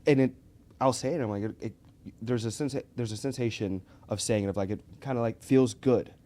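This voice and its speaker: A man's voice: medium pitch, brisk, mellow. A man hosting a casual podcast chat in an agreeable, enthusiastic manner. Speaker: podcast host.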